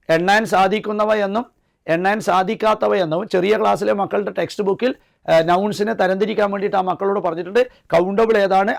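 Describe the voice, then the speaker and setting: A man's voice: high-pitched, gravelly. A man teaching for exam preparation. He puts a question to the class, answers it himself and says the key words over again.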